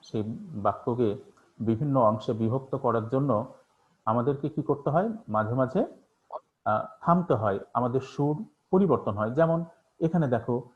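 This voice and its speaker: Teaching an online lesson, a man with a mid-range voice talks unhurriedly and pauses often. He answers the questions he asks himself and leans on plenty of fillers. The recording has tinny, phone-like online class audio.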